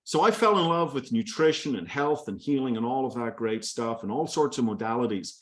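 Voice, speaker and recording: A man's voice: mid-range voice, expressive, brisk. A man in his forties from Northern Ireland with a light Belfast accent, giving an enthusiastic motivational talk on a group call, telling his story with many fillers and restarts. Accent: light Belfast Irish. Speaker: company leader speaking on a kickoff call.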